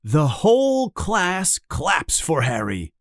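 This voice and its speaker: Male narrator, storybook reading, very slow, sweeping pitch, dry close sound. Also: wildly swooping pitch, no echo.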